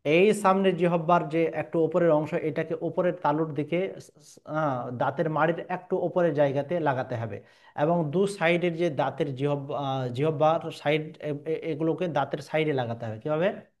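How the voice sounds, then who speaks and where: A man's voice: on the high side, normal speed. A man teaching Quran pronunciation step by step, patiently repeating each letter sound and stretching the vowels.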